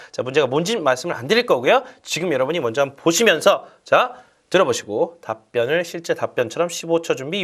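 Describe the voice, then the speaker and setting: A man lecturing as an English speaking test instructor, animated and repeating phrases for drills. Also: on the high side.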